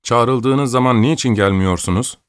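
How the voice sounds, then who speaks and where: A man's voice: medium pitch, a little slow, clean tone, no echo, studio quality, voice pushed up, natural voice. A man voicing an imperious, fussy old countess who scolds and orders people about in an audiobook. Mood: scolding. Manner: scolding, peevish, bossy. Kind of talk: audiobook character voice.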